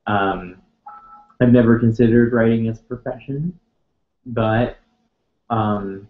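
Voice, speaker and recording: A man in his twenties co-hosts a late-night advice show, a little tipsy and full of sarcastic jokes as he rambles. His mid-pitched voice comes through thin and phone-like, bouncing around an echoey room. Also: steady tone, takes it slowly. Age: 20s. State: tipsy from wine. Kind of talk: casual joking chat.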